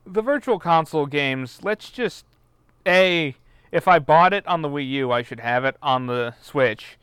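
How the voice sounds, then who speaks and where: Smooth-voiced man, blunt opinions. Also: on the high side, lively intonation, a little slow, a bit bright, dry recording. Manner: opinionated, blunt, swears casually. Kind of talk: casual chat.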